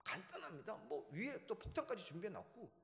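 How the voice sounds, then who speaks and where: A man preaching a revival sermon as pastor, telling stories with lively, acted-out voices. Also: sits high, brisk, vocal fry. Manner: animated storytelling, acting out shouting teachers. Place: church sanctuary. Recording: church hall reverb.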